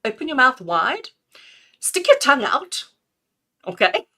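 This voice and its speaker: A middle-aged woman, a spiritual healer, leading a live breathing lesson, switching between slow calm counting and animated, laughing explanation. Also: sits high. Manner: animated, laughs often, counts slowly and calmly.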